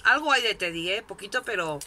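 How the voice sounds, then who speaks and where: A woman's voice: medium pitch, animated, brisk, pushed and bright, slight background noise. A woman chatting casually at her home craft desk, showing off a shopping haul in a chatty, self-mocking way and checking in with her viewers often. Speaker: crafting vlogger.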